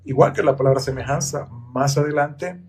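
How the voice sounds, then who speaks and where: A man's voice: mid-range voice, fairly quick, husky, soft background music. A man on a Bible study podcast, explaining scripture in a patient, methodical teaching tone.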